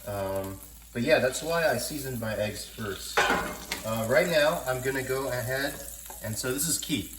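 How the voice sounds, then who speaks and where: Congested from a cold, a man speaks at medium pitch and a measured pace while casually demonstrating a dish in his home kitchen, chatting as he goes. The sound is roomy, with frying and clatter clearly audible.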